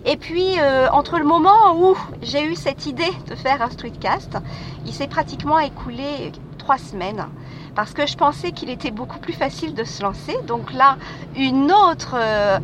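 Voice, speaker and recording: A woman's voice: sits high, animated, normal speed. A woman hosting her own podcast, talking in a hesitant, casual monologue full of fillers and restarts. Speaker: podcast host. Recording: street noise with passing vehicles.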